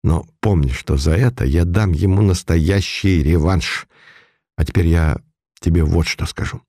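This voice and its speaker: A man's voice: sits low, measured pace, mellow, no echo, studio quality. A man voicing a hot-tempered old police chief. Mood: grim. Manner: curt, commanding, explosive.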